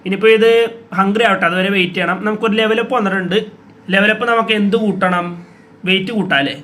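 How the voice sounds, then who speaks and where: Chatty gaming YouTuber, male, high and bright voice, talks straight to viewers with sudden exclamations. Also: fast talker. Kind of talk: casual gameplay commentary.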